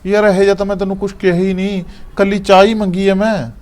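An actor playing a hard-up young husband with a Malwa Punjabi accent, talking fast in a fairly high voice. He stays placating and reasonable, soothing his angry wife in a short drama. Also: level tone, darkish tone, close to an everyday voice. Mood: pleading. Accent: Punjabi, Malwa region. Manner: pleading, soothing, keeps offering tea.

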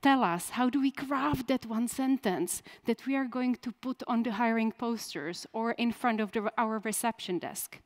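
A woman's voice: a little high, moderate pace, few pauses. A woman in her thirties, a native Czech speaker, giving a conference keynote in a direct style and putting questions to the audience. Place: conference stage.

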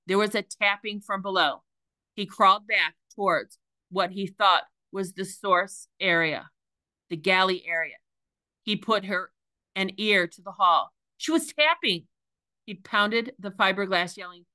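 Woman teacher reading a story aloud, slow and bright. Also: mid-range voice, no echo. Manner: careful, deliberate reading with small slips. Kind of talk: reading a novel aloud to a class.

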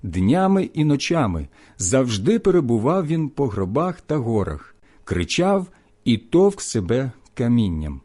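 A man reading scripture aloud in a measured, expressive way. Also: mid-range voice. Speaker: Bible reader.

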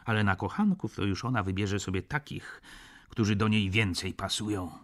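A man's voice: lowish voice, normal speed, lightly acted. An actor reading a sardonic, cynical middle-aged male doctor in an audiobook, blunt and lecturing.

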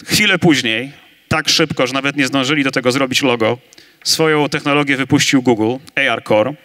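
A man speaking on a large conference stage with a handheld mic, arguing his side in a staged debate with emphatic, energetic delivery. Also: medium pitch, normal speed. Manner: energetic, emphatic, building to big claims. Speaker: conference debater on augmented reality.

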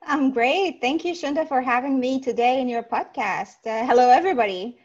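A woman from Saudi Arabia, in her thirties, speaking earnestly as a podcast guest over a video call from a small home room, with many pauses and "uh"s. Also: high-pitched, darkish tone. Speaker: podcast guest, life coach. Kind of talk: casual interview on a video call. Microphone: earbud headset mic on a video call. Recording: dull lo-fi call audio.

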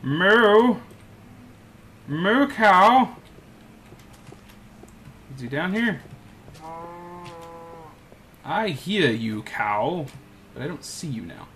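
A man talks his way through a video game at an easy, slow pace, muttering to himself and calling out to the animals on screen. His pitch sits in the ordinary middle range, and a faint hum runs under the recording. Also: big pitch swings, fairly bright tone. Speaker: gameplay commentator. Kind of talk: casual let's-play commentary.

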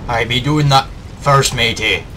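A jokey pirate sailor with a bright, forward tone and a slow, drawled swagger, as a gamer puts him on. The voice stays close to his everyday pitch, a half-hearted put-on rather than a full character. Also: slight background noise. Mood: hammy pirate. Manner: hammy pirate talk, drops it quickly. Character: mock pirate sailor, playful adult man. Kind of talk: gaming chatter.

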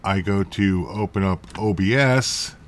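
Deep-voiced and measured, this tech tutorial host walks through a casual screen-recorded computer lesson. He rambles, catches and fixes his own mistakes, and throws in joking side comments.

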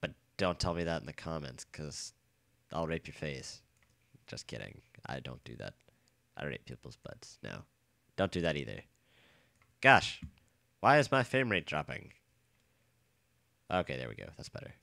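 Very deep, gravelly man, nasal with a cold. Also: animated, moderate pace, no echo. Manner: rambling, jokey, swears freely. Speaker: let's play host. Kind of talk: casual gameplay commentary.

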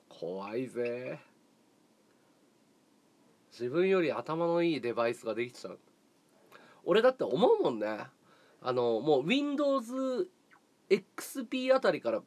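Laid-back man with a lively pitch. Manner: relaxed, chuckling, thinks aloud. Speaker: livestream host. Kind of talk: casual chat with viewers.

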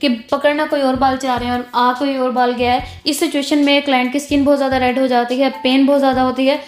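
High-voiced woman teaching threading. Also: level tone, quick pace, roomy sound. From Pakistan. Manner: instructive, repeats "jo hai", mixes English words. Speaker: beautician teaching eyebrow threading. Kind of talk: tutorial voice-over.

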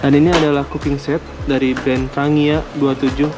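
A man casually unboxing and reviewing camping gear at a table indoors, talking in a relaxed, hesitant way with small laughs. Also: medium pitch, normal speed. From Indonesia. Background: music.

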